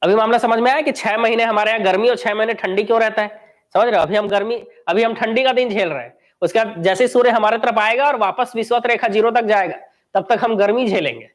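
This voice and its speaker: A high-pitched man runs a live exam-coaching class. He talks in a chatty way, throws quick questions at his students and then answers them himself. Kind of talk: live online class lecture.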